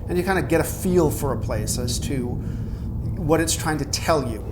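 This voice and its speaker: A man's voice: a little high, expressive, moderate pace, background noise. A man, an audio engineer and paranormal investigator, explaining things in casual talk.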